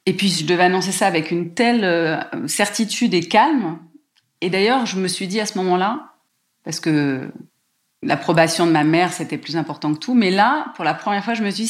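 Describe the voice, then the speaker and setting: A woman from France telling a personal story in a lively, emotional way, with many small hesitations. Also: fairly low pitch. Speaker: guest telling her life story.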